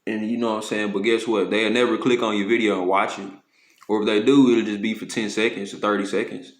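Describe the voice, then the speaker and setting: Low-voiced man preaching in an echoey room. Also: flat delivery. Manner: slangy, profane, repeats "you know what I'm saying"; slows to read scripture aloud. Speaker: street preacher. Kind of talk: informal scripture teaching to camera. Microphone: phone or camera.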